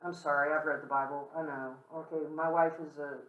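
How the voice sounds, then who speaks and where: A lecturer speaks candidly to a room full of listeners, loose and conversational, tossing in asides and light humor and checking in with "okay?" as they go. The voice sits at an ordinary middle pitch. It is picked up from some distance, so the room's echo rings around every phrase. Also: level tone, a little fast, narrow, tinny audio. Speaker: guest speaker on death and dying. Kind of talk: informal lecture to a campus audience. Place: large room with an audience. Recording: roomy echo, speaker far from the mic.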